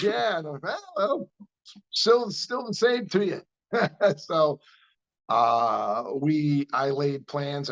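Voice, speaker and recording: A New man with a mid-range voice spins shop stories in a relaxed interview, jumping up in pitch whenever he acts out what someone said. The recording sounds a little dull and lo-fi. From New York. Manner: animated storyteller acting out dialogue with quick pitch jumps. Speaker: car builder and shop owner. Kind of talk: casual storytelling interview.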